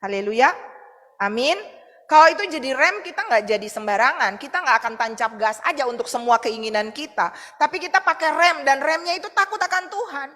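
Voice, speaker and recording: A woman pastor preaching a sermon in an animated way, acting out the voices she quotes. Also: high voice, a little fast, big-room sound. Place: church hall.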